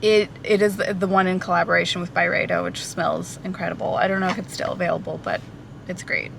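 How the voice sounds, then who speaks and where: A Portuguese woman in her thirties, a hairstylist, chats through a casual Q&A vlog on a camera mic, full of ums and likes and light laughs. Her voice sits low and gravelly, fairly flat in pitch, and she talks fast. There's background noise, as she's out at a café or in a car.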